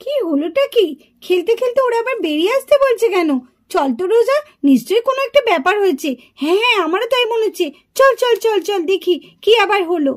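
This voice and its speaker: A woman's voice: extremely high pitch, animated, quick pace. A woman voicing curious, scheming village girls in a puppet cartoon, chattering and gossipy.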